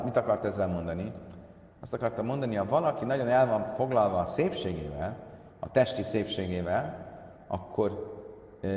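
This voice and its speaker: A man's voice: on the low side, darkish tone. Man teaching Talmud in an echoing hall. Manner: reads Aramaic lines then explains in Hungarian, with many fillers. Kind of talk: Talmud lesson retelling stories. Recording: echoey hall, far from mic, dull sound.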